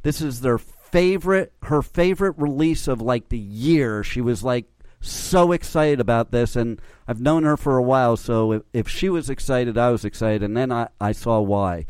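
A man's voice: medium pitch, moderate pace, darkish tone, clean tone, dry recording. An American man hosting a radio interview in a casual, enthusiastic and informal way. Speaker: radio show host.

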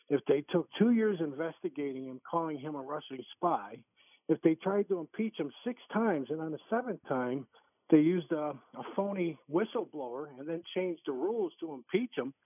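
A man's voice: a little high, animated, moderate pace, slightly rough, no room sound. A man calling in to a talk radio show over the phone, arguing his point emphatically. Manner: emphatic, argumentative. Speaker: radio call-in caller. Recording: tinny phone line.

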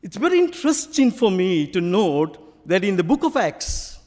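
A man with a Sri Lankan accent preaching a sermon with stories and scripture, speaking emphatically and deliberately. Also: high voice, sing-song, a little mellow. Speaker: visiting preacher. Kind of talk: sermon with storytelling and scripture reading. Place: large church hall, preaching to a congregation. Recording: hall reverb from a church PA.

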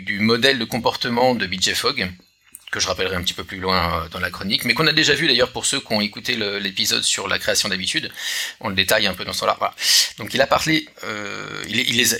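A man's voice: on the low side, creaky, bright, forceful tone, husky. A man hosting a casual podcast chat, hesitant, with many filler sounds and restarts. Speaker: podcast host.

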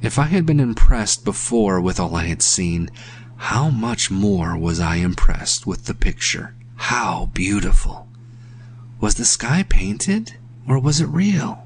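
Man reading a spooky story, lowish voice, calm measured pace. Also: a little hiss or hum. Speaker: narrator. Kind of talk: scripted narration of a story.

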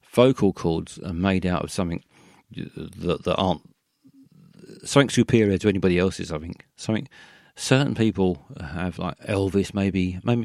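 A man hosts a call-in radio show with a low, gravelly voice. He wanders from thought to thought, stalling on fillers and restarting his sentences. The sound is dry and close to the mic. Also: darkish tone, no room sound. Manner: meandering, halting, many fillers and restarts. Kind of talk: rambling one-man call-in chat.

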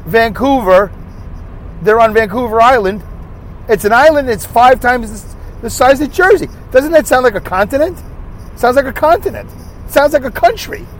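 A man speaks in a very high voice with a Brooklyn accent, hosting a rambling solo podcast from behind the wheel on a highway. He's chatty and pokes fun at himself, posing rhetorical questions to no one but himself. The recording is low quality, with faint road and car noise underneath.

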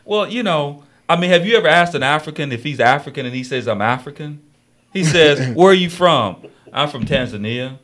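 On a talk radio panel, a man with a fairly high, slightly bright voice speaks casually at a brisk, animated clip. He rambles and repeats himself, constantly asking listeners "you see what I'm saying".

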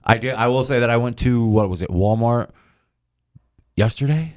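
A man's voice: medium pitch, normal speed. A man co-hosting a radio show in casual on-air banter, laid-back and joking, with lots of fillers. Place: radio studio.

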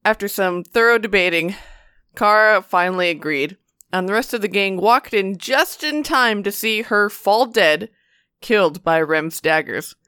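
Female tabletop podcast host and player, bright and clear, playfully theatrical, upbeat announcer delivery. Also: medium pitch, a little slow, no room sound, studio quality.

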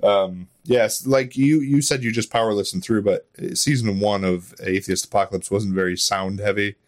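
A podcast guest who writes audio dramas and does voice acting chats casually in an interview, rambling in a self-deprecating way and chuckling as he goes. His lowish voice keeps fairly even intonation at a moderate pace, captured in a dry, studio-quality recording.

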